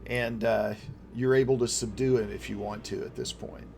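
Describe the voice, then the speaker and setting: A man's voice: fairly low pitch, steady tone, normal speed, gravelly, over music. A man acting as game master, running a tabletop role-playing game.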